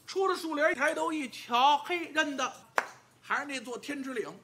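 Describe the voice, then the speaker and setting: A man telling a traditional pingshu tale in a lively, vivid and humorous way. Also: very high voice, moderate pace, background noise. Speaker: storyteller.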